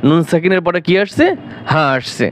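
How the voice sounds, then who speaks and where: A man with a Bangladeshi Bengali accent gives a slow Quran recitation lesson, spelling out letters one syllable at a time and stretching recited words out. He often poses questions and answers them himself. His voice is on the high side, with a little hiss or hum in the recording.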